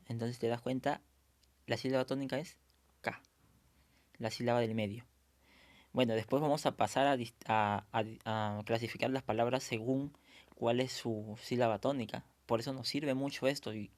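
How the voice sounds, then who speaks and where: A man's voice: mid-range voice, no echo. A man teaching a language class online, patiently repeating and sounding out words for students. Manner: patient, repeats words slowly to model pronunciation.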